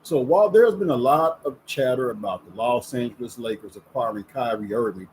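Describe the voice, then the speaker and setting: Speaking a little fast in a mellow, mid-range voice, this fifty-something man chats folksily through his casual sports talk vlog, stressing words for effect. A camera with a ring light captures him, with slight background noise.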